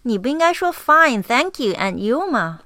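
A woman's voice: high-pitched, very animated, moderate pace, bright, forceful tone, no echo. Brief: woman podcast co-host, chatty, switches between Chinese and English, dry close mic. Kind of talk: bilingual language-lesson podcast chat.

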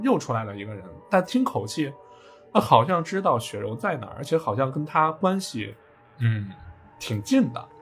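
A man casually retelling a video game story for a podcast, with jokey asides. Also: mid-range voice.

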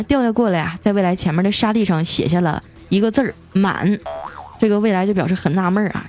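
Chatty lady host reading listener jokes, teasing and self-mocking, soft music under her. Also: medium pitch. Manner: playful, teasing, self-mocking, laughs often; acts out quoted characters with shifting voices.

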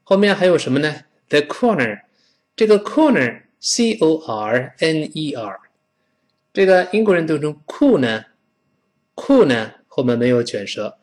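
A man leads an English pronunciation lesson, and his pitch rises and falls in a lively way. He is animated and playful and acts out example sounds. He drills each word slowly so listeners can repeat after him. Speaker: English teacher.

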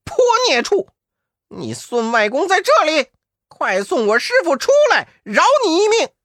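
A storyteller voicing a fierce, hot-tempered monkey king hero who shouts in a shrill voice. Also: big pitch swings, a little slow, no echo, studio quality, full character voice. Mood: furious shouting. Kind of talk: storybook character voice.

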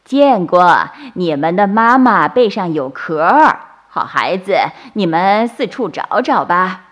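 A kindly mother crocodile from a storybook, speaking out clearly and reassuringly to lost little ones, as a woman narrator plays her. Her voice is slow and warm-hearted in manner, with an even, friendly firmness. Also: on the low side, full character voice.

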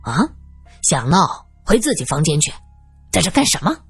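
Cold, curt male detective, voiced by a woman, husky and dry. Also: lowish voice, very animated, moderate pace, no echo, faint music behind, heavily acted. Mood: stern. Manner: curt, scolding.

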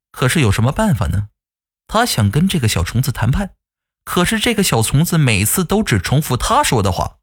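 Narrator, male, husky and lively, chatty folk-tale teller with asides. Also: fairly high pitch. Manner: chatty, folksy storytelling with asides. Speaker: storyteller.

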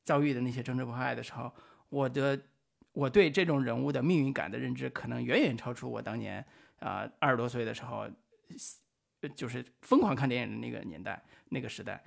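A middle-aged man in his forties, co-hosting a podcast and talking slowly and reflectively about a film, with frequent hesitant fillers. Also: mid-range voice, vocal fry. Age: 40s. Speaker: podcast co-host. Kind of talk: casual film discussion.

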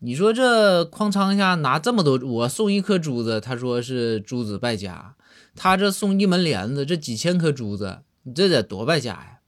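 Male storyteller as a grumbling court schemer, emphatic, swinging pitch. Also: big pitch swings, moderate pace, lightly acted. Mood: indignant. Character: scheming old male grand tutor, accusatory.

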